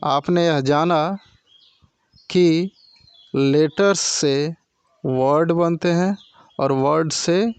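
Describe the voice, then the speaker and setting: A man teaching basic grammar in a slow, explanatory lesson. He reads English definitions and then explains them. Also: fairly high pitch, clean tone, no room sound, highs cut off.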